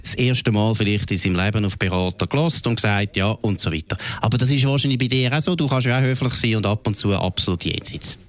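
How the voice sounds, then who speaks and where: A Swiss German man with a fairly low voice, pushing back hard in a heated two-man debate. He speaks emphatically and combatively as one of the show's hosts. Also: quick pace, hardly any pauses, dry recording. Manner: combative, emphatic, protests loudly. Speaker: debate co-host.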